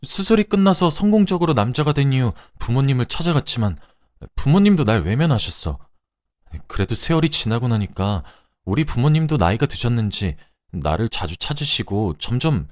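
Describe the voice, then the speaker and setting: A man's voice: medium pitch, no room sound, studio quality, pitched above the performer's own voice, natural voice. A man voicing a guilt-ridden husband who pleads and stammers through tears. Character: desperate, guilt-ridden husband begging forgiveness.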